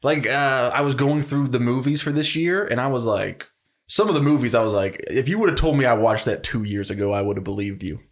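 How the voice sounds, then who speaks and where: A man's voice: mid-range voice, brisk. A young man co-hosting a casual film podcast, laughing often and jumping between jokes and lists. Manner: animated, laughs often, drops into mock voices. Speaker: podcast co-host. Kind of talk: casual chat.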